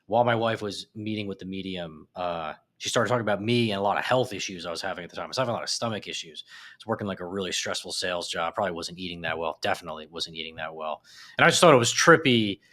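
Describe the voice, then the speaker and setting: A man with a deep voice and a bright, forceful edge talks as a guest on a podcast. He sounds lively and enthusiastic in casual conversation, with animated asides. His tone stays bright throughout. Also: fast.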